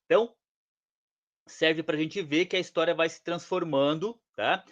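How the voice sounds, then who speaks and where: A male history teacher explaining casually to his class and checking in with quick tag questions. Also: a little high, fairly bright tone, dull audio.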